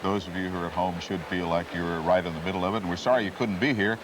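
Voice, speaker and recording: A man's voice: deep voice, steady tone, quick pace, background noise. A man co-hosting a television broadcast with conversational live event commentary.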